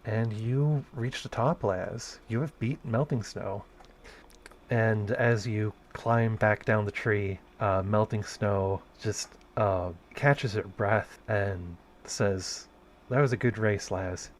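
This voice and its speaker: A man's voice: lowish voice, fairly even intonation, slow pace, a little hiss or hum. A man narrating a tabletop game as game master, hesitant, restarting phrases and counting dice aloud.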